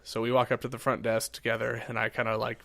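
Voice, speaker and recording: A podcast host in his thirties from Iowa tells a rambling story with lots of fillers and acted-out quotes. His voice sits at an ordinary mid pitch. The sound is dry and close, with no room around it. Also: completely flat delivery, fast talker, vocal fry, fairly bright tone, dry recording. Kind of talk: casual chat, telling a story.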